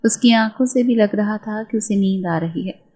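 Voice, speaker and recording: A woman narrating a romance novel in a steady storytelling manner. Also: mid-range voice.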